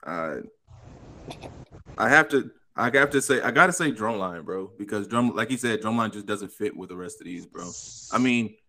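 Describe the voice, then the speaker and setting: A man's voice: on the low side, animated, normal speed, bright, forceful tone. An American man chatting casually on a podcast in a laid-back frat-bro manner, calling everyone bro. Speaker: podcast host.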